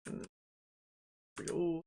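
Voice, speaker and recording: A game developer in their early twenties streams their work, talking casually to themselves with jokes and frequent fillers. They speak slowly in a warm tone.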